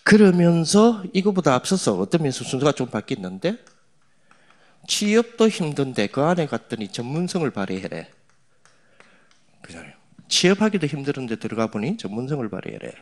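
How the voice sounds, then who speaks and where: Husky, lively pastor. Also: male voice, mid-range voice, a little fast. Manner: teasing, conversational, swings from loud to hushed asides. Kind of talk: sermon to young adults.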